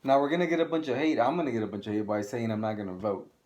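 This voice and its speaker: A man's voice: medium pitch, lively intonation, very fast, a little mellow. A man co-hosting a video channel, ranting casually and bluntly, swearing and repeating himself for emphasis. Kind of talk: casual opinion rant.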